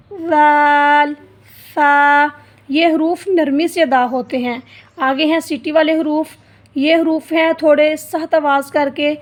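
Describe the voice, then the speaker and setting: A high-voiced woman gives a beginners' Quran reading lesson at an unhurried pace. She explains each group of letters patiently and stretches out their sounds to demonstrate them. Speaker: Quran teacher. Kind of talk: slow step-by-step lesson.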